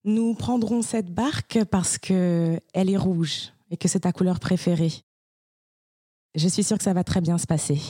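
A woman improvises a tender, reassuring partner in a comedy sketch. Her voice is husky, close and dry. She soothes and coaxes throughout. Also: fairly low pitch, steady tone, unhurried, mellow, dry recording. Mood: coaxing. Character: affectionate woman coaxing her partner onto a boat.

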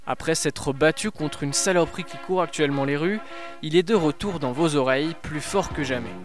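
Male show host, upbeat segment links, fairly high voice, music bed behind. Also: brisk. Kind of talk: scripted news show links.

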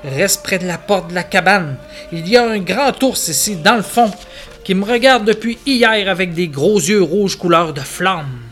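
A man's voice: high-pitched, normal speed, a bit bright, faint music behind. A man reading the part of a dying, repentant woodsman who pleads and confesses his wrongs in an audio story. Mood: feverish. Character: dying repentant male woodsman, feverish and frightened.

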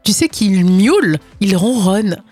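A woman co-hosting a casual morning radio show in a studio, telling news stories with a giggly, animated manner. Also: mid-range voice, breathy edge, dry recording, faint music behind. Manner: giggly, animated, quick to laugh. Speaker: radio co-host.

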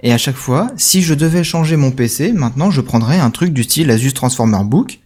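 A man co-hosting a casual tech podcast, calm and matter-of-fact, holding to his view. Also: mid-range voice, brisk, breathy edge. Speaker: podcast co-host.

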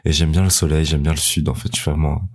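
A man's voice: a bass voice, level tone, quick pace, darkish tone. A man of thirty, a heritage guide, talking in a casual interview with many fillers and frequent laughs.

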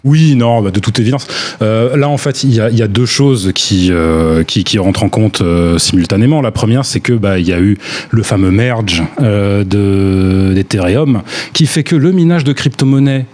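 A man's voice: lowish voice, normal speed, a little mellow. A man giving casual analysis as a panel commentator, wordy and hesitant as he explains. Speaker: hardware commentator on a panel show.

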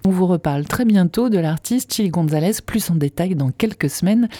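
Warm-voiced woman presenting a radio music segment. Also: fairly low pitch, animated, brisk, no echo.

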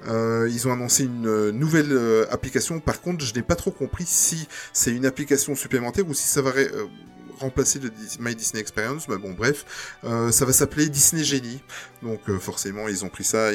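A man hosting a casual podcast chat, presenting news items to his listeners in a relaxed way. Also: lowish voice. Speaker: podcast host.

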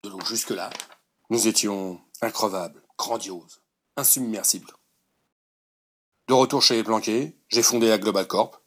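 A gruff old colonel, played by a man, barks his record in short, clipped boasts. The voice is low and husky, and it sounds distant, as if taken from an audition recording. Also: fairly even intonation, unhurried, long pauses, a bit bright. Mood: boastful. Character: boastful old male war-veteran colonel.

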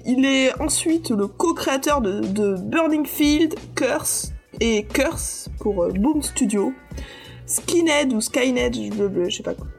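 A woman's voice: high-pitched, expressive, slow, creaky, soft background music. A woman presenting her research on a podcast in a hesitant way, with many fillers and restarts. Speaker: podcast co-host presenting research on comic creators. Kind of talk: casual podcast chat.

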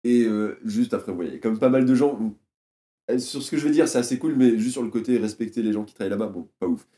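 A man's voice: medium pitch, fast talker, dark tone. A man chatting casually as a podcast co-host, telling an anecdote animatedly with many fillers and restarts. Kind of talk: casual chat.

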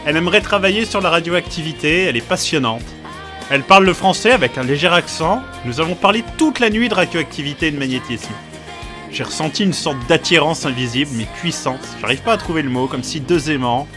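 A man hosting a podcast, reading a comic diary in a deadpan, absurd storytelling manner over background music. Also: a little high, fairly quick. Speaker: podcast host. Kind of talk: comedic scripted narration as a diary.

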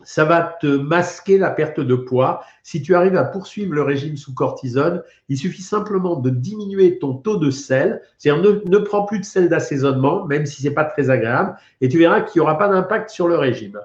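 A man's voice: on the high side, lively intonation, moderate pace, hardly any pauses. A man, a doctor answering viewer questions on a casual live stream, reassuring and chatty as he reads out comments and replies. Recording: echoey room, dull lo-fi sound.

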